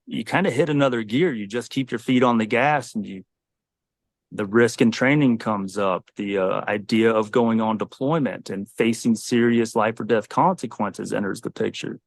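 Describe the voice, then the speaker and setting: A man's voice: fairly low pitch, moderate pace, vocal fry, no echo, studio quality. A man in his forties, a Navy SEAL, talking earnestly and reflectively in a podcast conversation.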